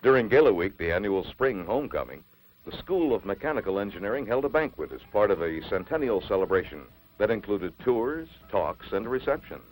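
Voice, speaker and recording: A man narrating an old newsreel in a measured, announcing delivery. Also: fairly low pitch, big pitch swings, darkish tone, rough recording.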